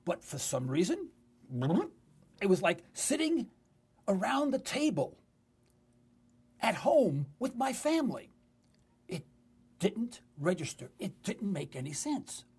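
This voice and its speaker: He's a New York City man in his sixties hosting talk radio with a New York accent, spinning a conversational story with emphatic phrasing. The high, a little mellow, slightly rough voice is very animated, yet he takes it slowly and pauses often.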